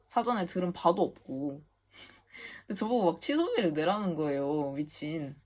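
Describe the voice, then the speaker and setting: Low-voiced young woman ranting indignantly. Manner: indignant, ranting, swears when retelling; chatty, heavy use of fillers. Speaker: vlogger. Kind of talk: casual storytelling voice-over.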